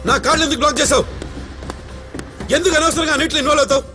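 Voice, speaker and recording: An actor as an arrogant, short-tempered husband. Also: male voice, a little high, a little fast, loud music behind the voice, natural voice. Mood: furious. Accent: Telugu. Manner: shouting angrily, then bitter voice-over narration. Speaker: husband and narrator. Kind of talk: film drama dialogue.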